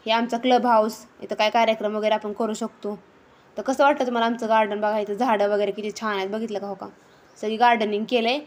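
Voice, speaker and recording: A woman's voice: mid-range voice, fairly even intonation, fast talker. A young woman, casually narrating a family vlog outdoors in a garden, chatty and scolding her children now and then. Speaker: vlogger and mother.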